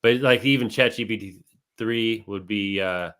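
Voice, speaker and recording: A man's voice: lowish voice, moderate pace, fairly bright tone. A man co-hosting a casual talk show, explaining things step by step in a conversational way. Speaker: co-host. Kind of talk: casual chat.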